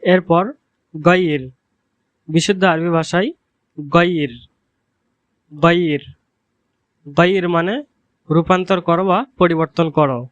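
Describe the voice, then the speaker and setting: Male tutor, crisp voice, dry close recording, slow deliberate delivery with each word said twice. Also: fairly high pitch, fairly even intonation, no echo, highs cut off. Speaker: language teacher. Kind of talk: scripted language lesson.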